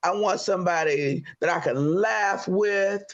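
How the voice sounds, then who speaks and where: A woman in her fifties from Florida introducing herself on a dating show, chatty, pausing often on "um" and quick to laugh. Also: fairly low pitch, lo-fi sound. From Florida, USA. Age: 50s. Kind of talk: casual self-introduction. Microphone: computer on a video call.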